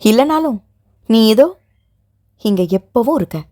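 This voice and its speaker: A woman voicing a protective young man who comforts his fiancée and gently scolds her. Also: very high-pitched, animated, unhurried, no echo, studio quality. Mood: tender reassurance.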